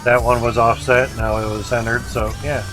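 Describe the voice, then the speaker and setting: Over music, a man livestreams a video game and chats with viewers in short, clipped phrases, rambling casually. He has a mid-range voice, a flat delivery and a moderate pace.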